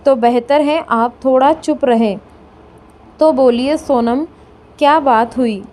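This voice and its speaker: A woman voicing a firm, composed young daughter-in-law who reasons calmly in a storybook reading. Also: high voice, takes it slowly.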